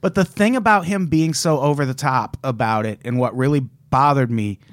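A man's voice: mid-range voice, normal speed, dry recording, studio quality. A man co-hosting a casual podcast chat, telling a story with lots of swearing and quoting people in passing voices. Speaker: podcast co-host.

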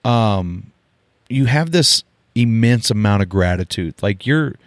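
A man's voice: on the low side, lively intonation, slow pace, no echo, clean studio sound. A man hosting an interview, asking earnest, probing questions and often restarting his sentences. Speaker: interviewer, broadcaster. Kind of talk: conversational interview.

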